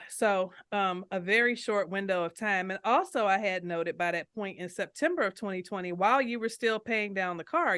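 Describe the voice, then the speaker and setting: A woman hosting a casual interview podcast, talking in an animated, playful way and addressing listeners directly. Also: medium pitch, no echo. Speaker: podcast host and financial coach.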